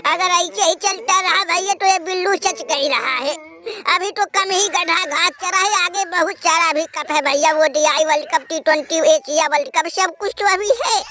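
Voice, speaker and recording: A man doing a squeaky wailing cricket loser. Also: moderate pace, sharp tone. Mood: complaining. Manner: wailing, lamenting, half-laughing half-crying. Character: wailing defeated male cricket rival, self-pitying. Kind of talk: comedic dubbed sketch. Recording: noisy recording with clicks.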